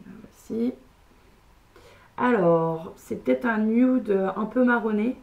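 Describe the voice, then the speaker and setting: A woman's voice: on the high side, takes it slowly, gravelly, muffled recording. A woman beauty vlogger chatting casually through a makeup haul, hesitant and full of fillers.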